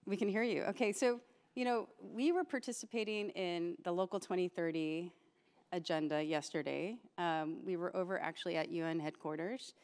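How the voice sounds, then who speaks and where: A woman moderates a panel from a conference stage. Her voice sits on the low side, and she speaks in an informal way, dropping in words. Her voice carries the long reverb of a large hall. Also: steady tone, normal speed, a little mellow. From Hawaii. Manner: informal, mixes in Hawaiian words.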